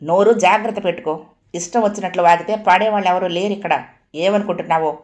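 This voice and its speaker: A woman plays an angry young husband in an audiobook story, harsh and sarcastic, raising his voice as he speaks. The figure stays loud and biting throughout. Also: medium pitch, fairly quick, roomy sound, close to an everyday voice.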